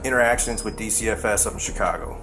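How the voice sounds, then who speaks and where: A man's voice: lowish voice, steady tone, fast talker, sharp tone, slight background noise. Firm male police officer on body cam. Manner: firm, explanatory. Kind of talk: questioning on body cam audio.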